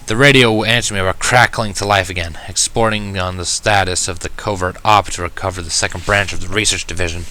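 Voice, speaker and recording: Over background music, a male fan fiction reader narrates first-person fiction dramatically with sardonic wryness. His voice sits low and sounds pushed and bright, with fairly even intonation, a slightly fast pace, and few pauses.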